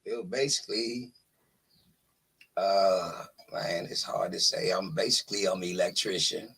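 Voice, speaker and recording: Husky low voiced dc guy in his 50s, laid back, on a video call. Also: fairly even intonation, a little slow, fairly bright tone. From Washington, DC. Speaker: guest.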